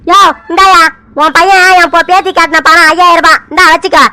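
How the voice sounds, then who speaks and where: A woman's voice: very high-pitched, fairly even intonation, fairly quick, pushed and bright, no room sound. A woman voicing an angry, stubborn old grandfather in a cartoon serial who scolds and barks demands. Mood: scolding. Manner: scolding, keeps barking "ah?" demands.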